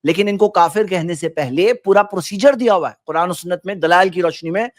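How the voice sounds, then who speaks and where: A man's voice: high-pitched, dry recording, clean studio sound. A man giving a religious talk, quoting Arabic and then translating it, and pressing his point with rhetorical questions. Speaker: Islamic preacher.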